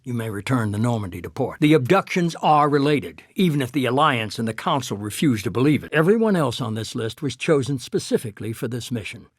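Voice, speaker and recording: An actor playing a calculating middle-aged male leader of a shadowy human-supremacist organization in a video game, speaking in a husky, measured, authoritative and persuasive way. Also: medium pitch, animated, no echo, clean studio sound. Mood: cool, businesslike. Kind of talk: cinematic video game dialogue.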